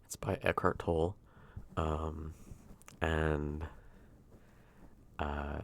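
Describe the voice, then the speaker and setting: Very deep, hushed man, ASMR role-play. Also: vocal fry, a little hiss or hum. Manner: hushed, intimate, near-soft voice at times. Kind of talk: soft-spoken ASMR ASMR role-play, casual rambling.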